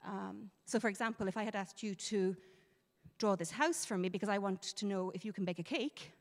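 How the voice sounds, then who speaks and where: A woman with an Irish accent, a teacher giving a lively, chatty presentation to parents in a school hall and laughing easily. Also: mid-range voice, brisk. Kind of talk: interactive presentation. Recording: reverberant hall.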